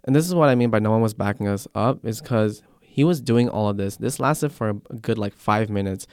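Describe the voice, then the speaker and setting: A man in casual chat, explaining his reasoning in a measured way. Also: fairly low pitch, darkish tone, clean tone, dry recording, studio quality.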